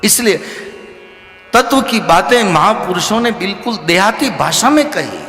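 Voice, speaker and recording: A man delivers a devotional discourse in a bright, slightly high voice that swoops widely in pitch, at times swelling into loud calls. He speaks slowly and deliberately. The sound carries a long, roomy hall echo with faint music behind. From Rajasthan, India. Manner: animated, rising to loud exclamations. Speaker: religious storyteller.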